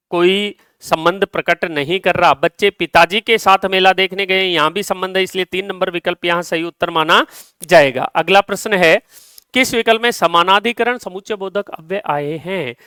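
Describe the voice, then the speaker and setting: High, clear-voiced man teaching a lesson. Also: sharp tone, no room sound, studio quality. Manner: explains step by step, reads example sentences slowly. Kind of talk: live exam paper solution lesson.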